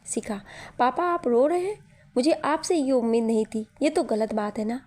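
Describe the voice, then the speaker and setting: A cheerful young bride, voiced by a woman, speaks in a fairly high, warm voice. She is affectionate and teases her father playfully, as in a read-aloud audio story. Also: moderate pace. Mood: teasing.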